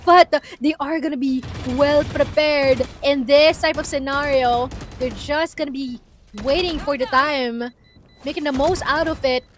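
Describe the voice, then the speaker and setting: A woman's voice: high-pitched, fairly even intonation, measured pace, slight background noise. A woman with a Filipino accent giving esports caster commentary, moving between English and Tagalog.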